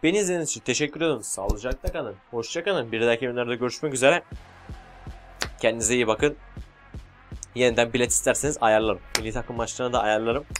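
Casting: excitable male gaming commentator, casual and jokey, faint music behind. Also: mid-range voice, fast. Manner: excitable, shouts at goals, jokey. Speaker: gaming YouTuber.

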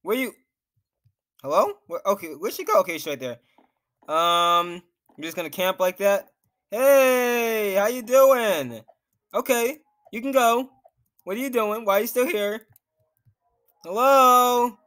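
A man's voice: sits high, lively intonation, a little slow, pauses often, a bit bright. A young man commenting nervously on his own gameplay as a YouTuber, talking to himself and reacting to what happens on screen. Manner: jittery, nervous, talks to himself while playing. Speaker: gaming YouTuber.

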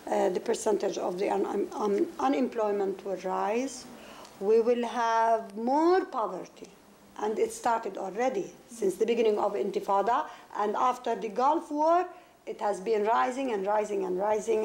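A woman's voice: medium pitch, moderate pace, gravelly, darkish tone. A woman from Palestine, speaking English as a second language, answers interview questions earnestly, restarting and repeating words as she goes. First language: Arabic. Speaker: interviewee, novelist. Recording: 1991 interview tape with faint noise.

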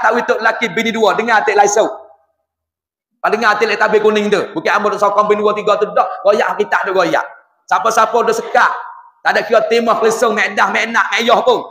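A man, preaching a religious lesson in an animated, folksy way. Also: sits high, reverberant, in a large hall. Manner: folksy, animated, mixes scripture with dialect. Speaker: religious teacher. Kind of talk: Islamic sermon in local dialect.

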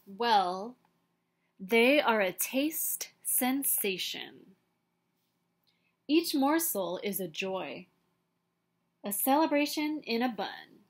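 A woman voicing an excitable, possessive and exasperated pigeon in a children's storybook, with dramatic, emphatic delivery. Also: fairly high pitch, drawn-out words, long pauses, heavily acted. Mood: boastful. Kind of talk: children's picture-book read-aloud.

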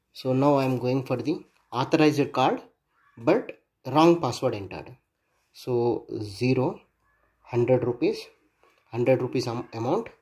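Demonstrating an electronics project at his workbench indoors, a man with a mid-range, slightly mellow voice talks through his steps haltingly. He spells out letters and numbers as he goes.

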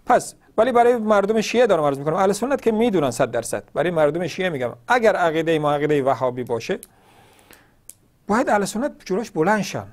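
A man hosts a religious call-in program and speaks with a high, lively voice that climbs and drops sharply. He argues with passion and throws out rhetorical questions. He acts out bits of dialogue as he goes. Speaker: religious TV host answering callers. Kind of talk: impassioned call-in religious talk.

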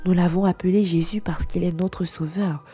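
Woman, first-person story narration, earnest, mellow tone, faint background music. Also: on the low side, steady tone, normal speed.

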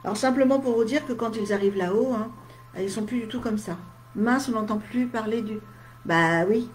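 A woman medium on a casual live stream, chatting straight to her viewers in short asides, tired and with a slight head cold that leaves her voice a little dry and husky. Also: a little high, normal speed, a little hiss or hum.

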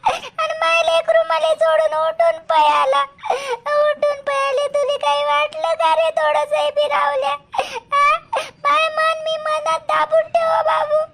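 A man voicing a crying, scolding village mother, who wails and shouts reproachfully. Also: extremely high pitch, unhurried, vocal fry, voice pushed up, heavily acted. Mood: crying reproach. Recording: dull lo-fi recording, faint music.

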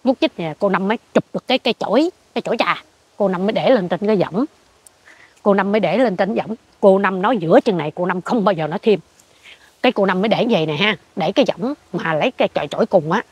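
An older woman with a Southern Vietnamese accent, telling a ghost story in an animated way and acting out what she saw. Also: mid-range voice, quick pace, husky, no echo. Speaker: interviewee. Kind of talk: ghost story told in conversation.

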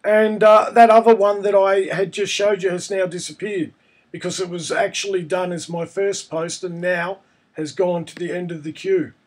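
A man presents a casual software tutorial in a noticeably high voice. It sounds husky and croaky, hoarse with a cold, as he talks through each step. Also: level tone, moderate pace. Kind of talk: casual screencast tutorial narration.

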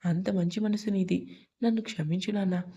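A woman's voice: mid-range voice, fairly even intonation, normal speed, warm tone, breathy edge, dull audio. A woman voicing a remorseful middle-aged mother-in-law in an audio story, speaking in a tearful, pleading way.

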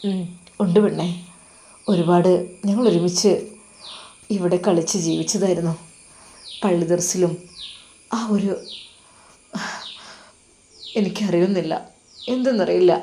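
A woman voicing a loving, remorseful young husband who talks in a soft, coaxing way. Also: fairly even intonation, measured pace, pauses often. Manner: soft, coaxing, low-voiced.

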